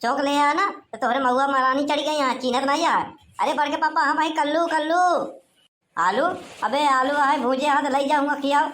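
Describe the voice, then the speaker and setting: A woman's voice: high voice, moderate pace, fairly bright tone. A woman voicing an easygoing young village man in a cartoon, with an Awadhi accent and a chatty, teasing manner. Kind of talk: cartoon voice acting.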